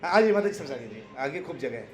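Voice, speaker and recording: A man's voice: mid-range voice, sing-song, fairly quick, echoey room. A man giving a devotional discourse to a live audience, quizzing his listeners and laughing often as he teaches. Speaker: spiritual preacher.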